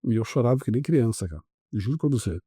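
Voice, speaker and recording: A man from Brazil, around his forties, telling a story as a podcast guest in a casual, animated way and acting out the other people's lines. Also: mid-range voice, quick pace, husky, no room sound, studio quality.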